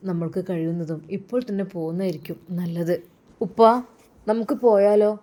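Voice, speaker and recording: A woman voicing a gentle devoted young son. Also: on the low side, a little fast, natural voice. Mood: reassuring. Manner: gentle, reassuring. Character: devoted young adult son caring for his sick father.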